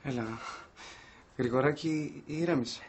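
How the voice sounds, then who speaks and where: A man's voice: mid-range voice, a little hiss or hum, lightly acted. An actor playing a cheeky freeloading young man who pleads not to be thrown out in a sitcom. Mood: pleading. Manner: wheedling, pleading. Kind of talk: sitcom acting.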